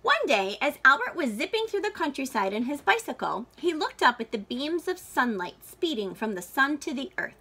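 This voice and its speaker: A woman reads a children's picture book aloud in a teacherly way, her high-pitched voice shaping each line with expressive, deliberate, dramatic phrasing meant for young listeners.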